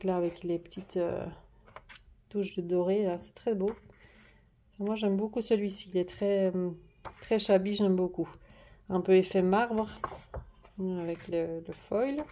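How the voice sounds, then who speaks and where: A woman's voice: lowish voice, fairly even intonation, a little slow, pauses often, mellow, a little hiss or hum. A woman showing craft paper pads in a casual home vlog, chatty and hesitant, with many fillers and restarts. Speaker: craft haul vlogger. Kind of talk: casual show-and-tell vlog. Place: at home at a desk. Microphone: camera on the desk, moved closer and back.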